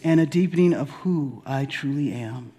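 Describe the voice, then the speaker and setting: A man leading a guided spiritual meditation in a deliberate, soothing, gently instructive way with long pauses. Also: mid-range voice. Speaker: spiritual leader guiding a meditation.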